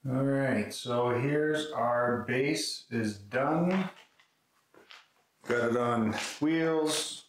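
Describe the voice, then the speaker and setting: Drawing out his words in a mid-range voice, a thirty-something woodworking host gives a casual, matter-of-fact explanation of a build to camera. He's recorded indoors in a concrete-floored garage workshop by a camera mic a few metres away, with echo and faint noise behind him.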